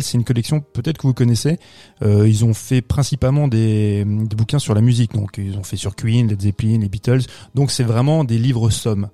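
A man on a casual podcast, recommending a book in a measured, slightly hesitant way. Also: mid-range voice, warm tone, dry recording. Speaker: podcast co-host.

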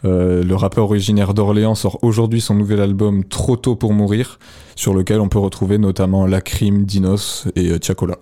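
A young man co-hosting a radio music show, talking through new rap releases in a relaxed, conversational way. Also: lowish voice, moderate pace. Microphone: studio microphone.

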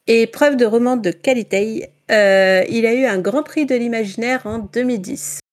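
A woman's voice: fairly high pitch, normal speed. A woman from northern France chatting at a book club, presenting a novel with many fillers and self-mocking asides. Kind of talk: casual book club chat.

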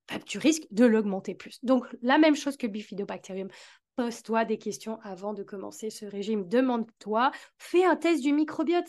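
A woman's voice: fairly high pitch, a little mellow. A woman hosting a solo educational podcast, earnestly explaining things and speaking directly to the listener. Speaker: podcast host, digestive health specialist.

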